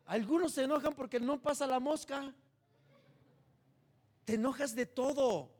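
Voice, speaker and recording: A man preaching a sermon as pastor, animated and joking, swinging between loud and hushed. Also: very high voice, a little slow.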